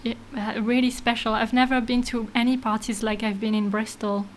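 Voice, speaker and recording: A woman's voice: fairly high pitch, level tone, fairly quick, slight background noise, poor audio. Giggly woman sound artist, hesitant. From France and Greece. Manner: laughs often, many hesitations. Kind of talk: casual interview chat.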